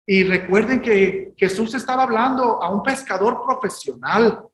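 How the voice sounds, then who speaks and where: A male pastor preaching a sermon, emphatic and at times rising to shouted exhortations. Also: high-pitched, moderate pace, reverberant, low-quality recording.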